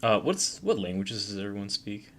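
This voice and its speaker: A man's voice: on the low side, big pitch swings, moderate pace, a bit bright, slight background noise. A man running a tabletop game online, talking casually over voice chat from a computer mic. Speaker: game master.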